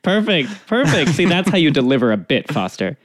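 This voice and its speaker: A podcast host on a video call setup runs a guessing game, upbeat and joking throughout. His voice is a little high with big pitch swings, his pace is brisk, and there's no room sound.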